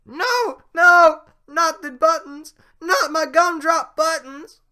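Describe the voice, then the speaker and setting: A man's voice: high-pitched, sing-song, moderate pace, bright, forceful tone, voice pushed up, full character voice. Gingerbread Man, a shrieking tiny cookie. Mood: frantic shrieking. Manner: shrieking, frantic pleading.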